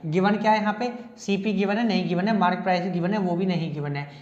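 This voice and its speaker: A male math teacher, working through problems step by step in Hindi sprinkled with terms. He slows down while writing formulas and catches his own slips. The room sounds echoey and the recording is dull and lo-fi. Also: high voice, a little mellow. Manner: corrects himself mid-line. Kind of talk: exam-prep math lecture.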